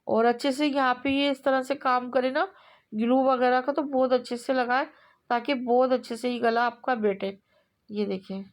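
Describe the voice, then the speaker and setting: A woman explaining kurti neck stitching step by step in a relaxed, repetitive way, pausing often with fillers. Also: a little high. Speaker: sewing instructor. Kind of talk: step-by-step tailoring tutorial.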